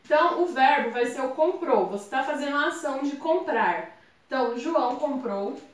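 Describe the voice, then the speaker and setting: High-voiced Brazilian woman tutoring. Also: expressive, normal speed, roomy sound. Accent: Brazilian Portuguese. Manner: chatty, addresses viewers as gente. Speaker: exam prep tutor. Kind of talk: casual explanatory lesson.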